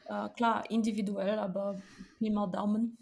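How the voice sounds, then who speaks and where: A woman interviewer with a mid-pitched voice and a lot of vocal fry. She asks her guest curious, friendly questions in a casual way. She often pauses on fillers while she works out what to ask. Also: flat delivery, darkish tone.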